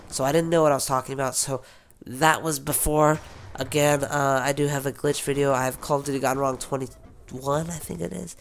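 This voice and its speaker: A man with a sick, worn voice talks casually to his viewers, wandering between points and restarting his sentences. His pitch sits in the middle range, and a faint noise hums under the recording. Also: fairly bright tone. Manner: rambling, with many fillers and restarts. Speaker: gaming YouTuber. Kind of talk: rambling casual vlog talk.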